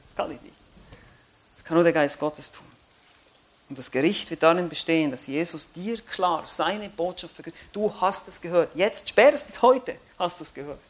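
A male pastor preaching a sermon, swinging from loud emphatic declarations to quiet, earnest appeals to the congregation. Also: a little high. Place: church.

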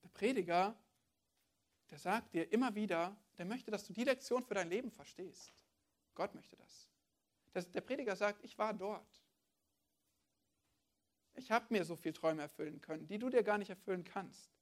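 A woman's voice: medium pitch, normal speed, pauses often. A woman preacher giving a sermon, talking to her listeners directly and often asking them rhetorical questions.

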